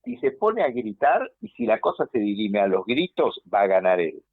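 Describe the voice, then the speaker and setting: A man with an Argentine accent, a political consultant speaking by phone in an animated, analytical way on a radio interview. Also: medium pitch, normal speed, vocal fry, no echo. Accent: Argentine Spanish. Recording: tinny dry phone line.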